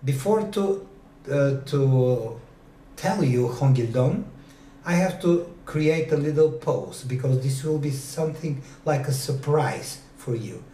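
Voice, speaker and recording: Slow, deliberate male lecturer in a roomy classroom. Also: mid-range voice, animated, warm tone, far from the mic, a little hiss or hum. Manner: slow and deliberate, with many pauses and fillers. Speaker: university lecturer. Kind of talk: classroom lecture on public speaking. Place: university classroom.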